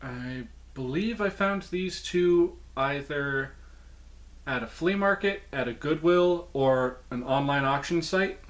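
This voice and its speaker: A man's voice: a little high, takes it slowly. A man giving a casual, informal show-and-tell monologue as a presenter, chatty and often correcting himself as he goes. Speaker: presenter showing a puppet collection.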